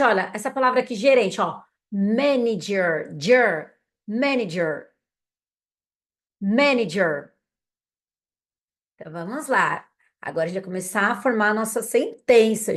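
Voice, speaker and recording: Slow, patient woman teaching English words. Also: mid-range voice. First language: Portuguese. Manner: slow, patient drilling of words for learners to repeat; casual and encouraging, with frequent check-ins. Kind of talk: teaching vocabulary with call-and-repeat drills.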